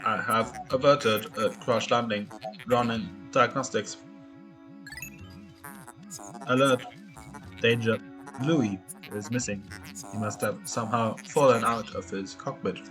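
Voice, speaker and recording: A man voicing a calm, formal male spaceship computer, reading game dialogue aloud in a stiff, instructive manner over music. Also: lowish voice, measured pace, low-quality recording. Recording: music playing behind.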